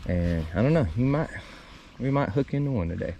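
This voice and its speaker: A man's voice: medium pitch, animated, a little fast, creaky, warm tone, dull audio, a little hiss or hum. A man giving casual, folksy fishing commentary for his vlog, recorded outdoors in a kayak on a river.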